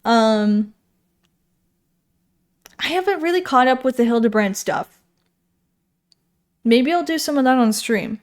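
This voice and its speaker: A woman's voice: on the high side, lively intonation, slow pace, pauses often. A woman streamer casually chatting while reading game patch notes, rambling and correcting herself as she goes. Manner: rambling, self-correcting, thinking aloud.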